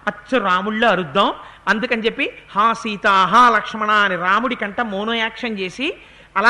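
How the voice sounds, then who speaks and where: A man with a high, very bright and ringing voice gives a devotional discourse. He chants Sanskrit verses in slow, drawn-out, forceful lines. Then he explains them in plain talk, often asking his listeners questions. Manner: asks rhetorical questions of the listeners. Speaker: religious discourse speaker.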